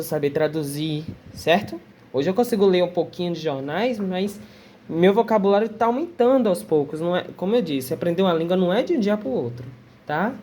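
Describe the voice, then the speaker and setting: A Portuguese-speaking woman teaches a relaxed online Arabic lesson, patiently repeating words and checking in with her students. Her voice is lowish with a dark tone, and there's a little hiss or hum.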